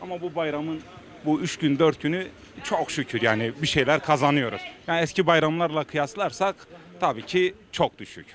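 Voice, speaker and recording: A man's voice: a little high, lively intonation, a little fast, fairly bright tone. A male shopkeeper, talking plainly and complainingly in a street interview. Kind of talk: spontaneous street interview answer. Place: outdoors on a town street.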